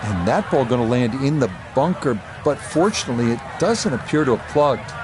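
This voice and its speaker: A man doing golf commentary as lead announcer, with a measured sportscaster delivery. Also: mid-range voice, lively intonation, background noise, close to an everyday voice.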